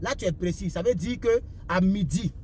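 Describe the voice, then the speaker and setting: A man's voice: high voice, moderate pace, darkish tone, slightly rough. A young man from Ivory Coast with an Ivorian French accent, giving repetitive, preachy life advice in a casual talk while driving his car. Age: young adult. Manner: repetitive, preachy, asks "vous comprenez un peu?". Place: inside a car on the road. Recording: faint road and car noise.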